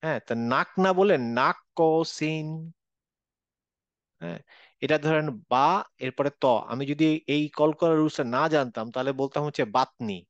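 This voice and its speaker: A male recitation teacher in an online class, explaining rules and demonstrating sounds slowly with many repetitions. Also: on the high side, steady tone, no echo. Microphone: video call. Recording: dull, dry online call audio.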